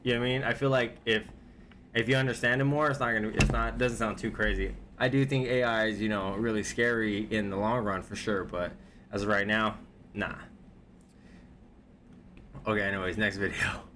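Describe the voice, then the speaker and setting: A man's voice: lowish voice, steady tone, moderate pace, fairly bright tone, slight background noise. A man at home giving casual, rambling reaction commentary on videos, loose and laid-back, with lots of filler words.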